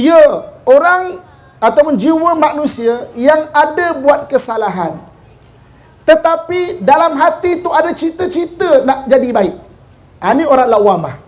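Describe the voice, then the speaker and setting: A man with a Malaysian Malay accent giving a humorous sermon on a forum panel, telling stories and chanting Quranic verses slowly. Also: very high voice. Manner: animated, acts out quoted characters. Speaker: religious lecturer on a panel forum.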